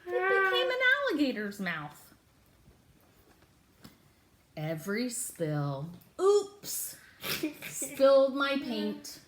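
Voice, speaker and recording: Reading a picture book aloud to young children, a woman teaches interactively with an exaggerated, expressive delivery and drawn-out words. Her voice sits high, and the echoey room carries faint background noise.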